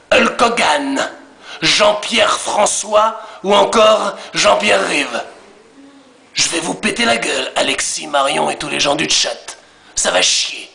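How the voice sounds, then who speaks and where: A man's voice: high voice, vocal fry, sharp tone, full character voice. Man playing Mercedes, a menacing brute in a skirt. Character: burly mocked man in a skirt, vowing revenge.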